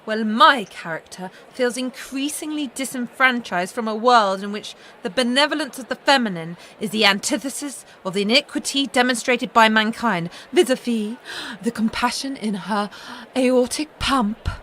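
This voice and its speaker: A woman's voice: a little high, normal speed, fairly bright tone, slight background noise, natural voice. A woman playing a pretentious pensioner amateur actress being interviewed in a comedy sketch. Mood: pompous. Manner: grandly pretentious.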